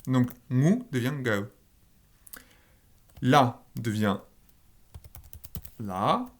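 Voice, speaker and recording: A man explains phonetic rules in a recorded lesson at a middle pitch. He goes step by step, with fillers and small asides, and keys tap now and then in the background. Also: very animated, drawn-out words. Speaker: linguistics teacher.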